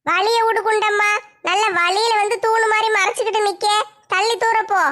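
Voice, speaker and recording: A woman plays a possessed villager in a comedy skit who struts as a self-crowned king. She drags her words out slowly and pompously. The voice sits very high. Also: fairly even intonation, fairly bright tone. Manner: slow, pompous, demanding.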